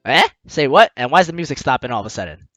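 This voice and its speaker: A let's player with a medium-pitched, slightly bright voice talks fast with big pitch swings, giving jokey, teasing commentary and reading a game's story aloud. The sound is clean studio audio with no room sound, and game music plays behind.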